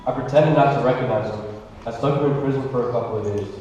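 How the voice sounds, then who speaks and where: A man's voice: mid-range voice, fast, mellow, dull audio, slight background noise, lightly acted. A man playing an earnest forgiving older brother in a stage skit. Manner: earnest, plain storytelling. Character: man retelling his life, forgiving his brothers. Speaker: skit actor. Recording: echoey hall, distant mic.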